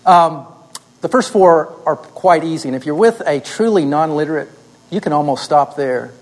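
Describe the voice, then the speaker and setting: A man's voice: on the high side, lively intonation, normal speed, darkish tone, poor audio. A man teaching a class, leading students through a story step by step by asking questions and answering them himself. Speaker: instructor.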